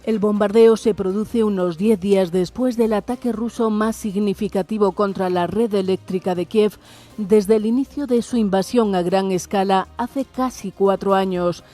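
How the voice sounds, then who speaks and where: A woman reads a news report in a mellow, dark-toned voice with faint music under it. Her delivery is steady and formal. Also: mid-range voice, normal speed. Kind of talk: news narration.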